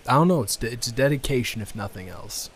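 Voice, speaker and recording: A man's voice: medium pitch, expressive, brisk, a little hiss or hum, close to an everyday voice. A man performing a romantic audio role-play as an anxious, shy new boy at school who stammers and restarts his sentences nervously.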